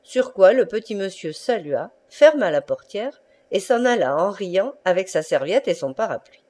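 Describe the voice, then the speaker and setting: A woman narrates a classic novel as an audiobook reader. Her storytelling is measured and expressive, with a warm, mellow tone. She is recorded close to the microphone. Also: mid-range voice.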